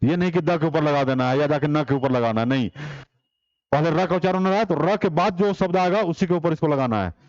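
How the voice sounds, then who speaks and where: A man's voice: on the high side, brisk, a little mellow, no echo, dull audio. A man teaching an online exam-prep class, explaining step by step and putting rhetorical questions to the class.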